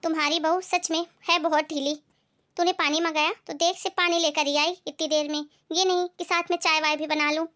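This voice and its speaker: A woman's voice: sits high, little pitch movement, brisk, bright, forceful tone, no room sound. A woman doing a gossiping busybody neighbor. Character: gossiping middle-aged neighbor woman, meddlesome.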